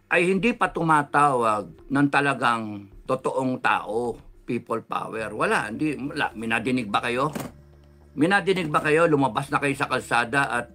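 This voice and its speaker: A man's voice: mid-range voice, sharp tone. A man from the Philippines hosting a political commentary vlog, ranting indignantly and mixing Tagalog and English. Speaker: vlogger.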